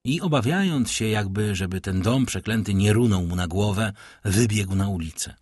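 A man narrating a classic novel in a measured, grave manner. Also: on the low side, darkish tone, husky, no echo, studio quality. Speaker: audiobook narrator. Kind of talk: dramatic literary narration.

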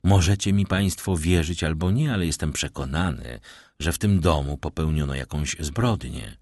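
A man voicing a mysterious nobleman who speaks in a measured, theatrical way. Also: extremely low pitch, darkish tone, no room sound, studio quality. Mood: ominous. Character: suave, mysterious middle-aged count, theatrical storyteller.

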